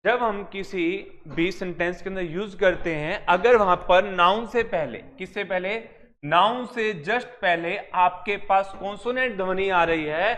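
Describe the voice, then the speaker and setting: Guy teaching a coaching class, fairly high voice, keeps asking then answering himself. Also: measured pace, a bit bright. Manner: explains with repeated questions and answers. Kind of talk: classroom lecture. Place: classroom with students.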